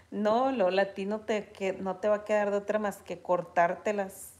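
Her voice sits in the mid-range as she chats with viewers in a Mexican accent. She brings her stories to life as she retells them and reads comments out loud.

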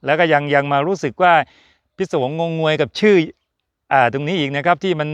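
A man's voice: a little high, a little fast, smooth, dry recording, muffled recording. A man hosting a casual chatty motorsport talk, joking and rambling with fillers as he talks to his viewers. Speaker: F1 channel host. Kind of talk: casual chat to camera.

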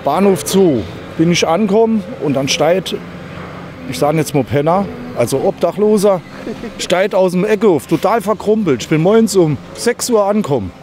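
Joking worker outdoors. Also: male voice, high voice, expressive, normal speed. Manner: chatty, joking. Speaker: demolition worker. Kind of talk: casual chat. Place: outdoor demolition site. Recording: outdoor noise with traffic.

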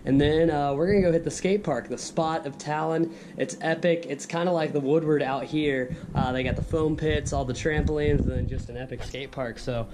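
A young man with a slightly high voice chats casually to a camera held at arm's length. He is upbeat and enthusiastic, using plenty of slang. Clear background noise runs behind him on the action-camera sound. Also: steady tone, normal speed, few pauses. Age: young adult. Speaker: vlogger and skateboarder. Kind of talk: casual vlog talk to camera.

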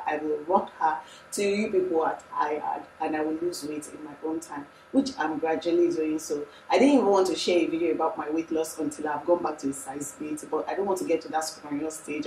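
A woman's voice: sits low, roomy sound, distant mic, a little hiss or hum, rough recording. A young Nigerian woman talking casually and emphatically to camera in a room, as a lifestyle vlogger. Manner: chatty, animated, emphatic. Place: room indoors.

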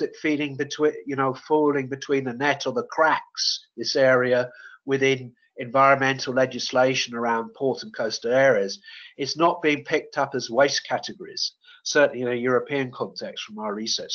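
A man's voice: mid-range voice, fairly bright tone. A man presenting in a webinar and answering questions, with many fillers and restarts. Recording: dull lo-fi webinar audio.

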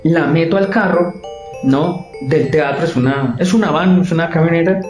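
A man's voice: a little high, moderate pace, roomy sound, soft background music. A man, a theater director retelling events in an interview and acting out the voices of others. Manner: animated, acts out the voices of others. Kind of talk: storytelling interview.

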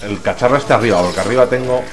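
A man's voice: mid-range voice, very fast. A man with a Spain accent giving casual, slangy, exclamatory let's play commentary. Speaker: gamer, let's play host. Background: game music.

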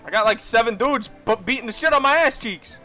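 Loud, bright-voiced young man gaming. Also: extremely high pitch, expressive, brisk, faint music behind. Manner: loud, swearing, yelling at the game, laughing. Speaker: gaming streamer. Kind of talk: excited gameplay chat.

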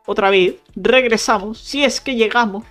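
A chatty woman with a Spain Spanish accent and a fairly high voice narrates her gameplay in a loose, playful way. She keeps talking straight to her viewers and teasing the enemies she fights. Soft music plays faintly underneath. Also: normal speed. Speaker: gaming YouTuber. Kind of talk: casual gameplay commentary.

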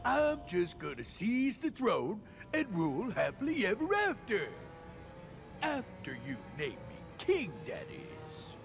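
A slow, gravelly, gloating voice from a big scheming villain captain in a game. He sounds smug and self-satisfied, with a high, swooping pitch, and clear game music plays behind him. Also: huge pitch swings, exaggerated voice.

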